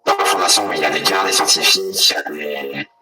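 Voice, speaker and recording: A masked informant through a deep voice changer. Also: male voice, steady tone, fast talker, sharp tone, soft background music, exaggerated voice. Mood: cagey. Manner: hesitant, evasive, stammering. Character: masked anonymous ex-guard, secretive and cagey. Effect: voice changer, deepened.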